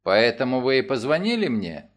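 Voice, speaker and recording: A man voicing a calm, terse middle-aged lawyer, asking short clipped questions in a lower, level voice for an audiobook. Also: normal speed, natural voice. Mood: curt.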